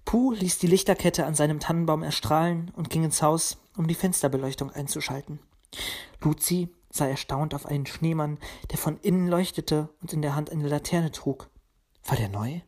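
A woman with a fairly low voice reads a storybook aloud. Her narration is calm and even, unhurried between the characters' lines. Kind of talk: storybook reading.

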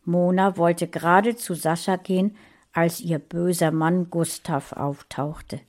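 A woman reading a fantasy story aloud in a calm, even way. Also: on the low side, takes it slowly. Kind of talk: audiobook narration.

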